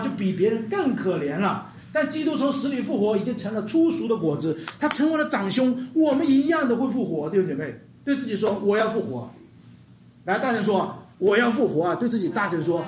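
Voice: medium pitch, darkish tone, a little hiss or hum. Emphatic preacher in a roomy hall. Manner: emphatic, rhetorical questions, calls on the congregation to repeat. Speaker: pastor. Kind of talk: sermon. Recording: roomy hall sound with faint guitar.

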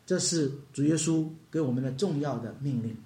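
Animated, high-voiced male preacher. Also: brisk. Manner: animated, questioning the congregation, acting out stories. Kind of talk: sermon. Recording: echoey room.

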